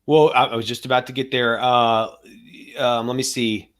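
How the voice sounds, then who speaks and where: A man's voice: mid-range voice, fairly even intonation, moderate pace, a bit bright. A man co-hosting a podcast in casual analytical chat, methodically running through numbers and hedging as he thinks aloud. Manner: methodical, runs through stats and contract figures. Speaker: podcast co-host.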